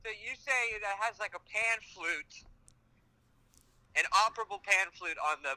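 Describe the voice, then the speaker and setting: A man's voice: sits high, moderate pace, sharp tone, dry recording, rough recording. A young man called in over a phone on speaker, chatting casually with dry jokes and frequent laughs. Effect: heard through a phone on speaker. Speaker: host's younger brother, guest caller. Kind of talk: casual chat.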